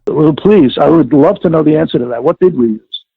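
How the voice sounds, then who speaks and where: Heard through a tinny line that sounds like a phone call with room echo, an older interviewee recalls his days as an audio producer-director and explains a process. He talks deliberately, somewhat formally, pausing to fix his own phrasing. His voice is creaky, husky and leans high.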